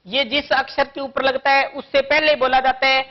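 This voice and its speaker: A woman teaching a grammar lesson to young children, explaining patiently and slowly with one example after another. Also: high-pitched, flat delivery, highs cut off.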